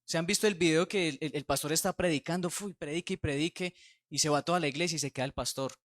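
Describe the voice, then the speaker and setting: A man's voice: fairly high pitch, fast, fairly bright tone, dry recording, clean studio sound. A man with a Colombian Spanish accent preaching a conversational sermon as pastor, sometimes acting out the voices he quotes.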